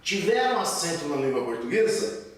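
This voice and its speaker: An older male teacher works through grammar exercises in a fairly high voice, posing a question and then answering it himself. He sounds set back from the mic, in a strongly echoing room. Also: sing-song, normal speed. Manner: explanatory, asks and answers his own questions. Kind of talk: recorded Portuguese grammar lesson. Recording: echoey room, voice from a distance.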